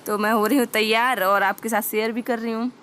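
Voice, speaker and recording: A woman's voice: fairly high pitch, steady tone, brisk, a bit bright, clear, resonant tone. A young adult woman chatting homely and directly to viewers as she narrates a casual home vlog. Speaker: vlogger.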